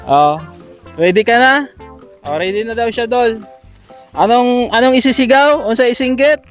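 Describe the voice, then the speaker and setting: A man hosting games for schoolchildren outdoors, coaxing and counting down with animated energy. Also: extremely high pitch, moderate pace, soft background music. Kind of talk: lively outdoor game hosting.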